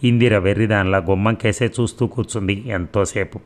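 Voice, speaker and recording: A man narrating a novel in an even storytelling manner. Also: fairly low pitch, fairly quick. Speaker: audiobook narrator.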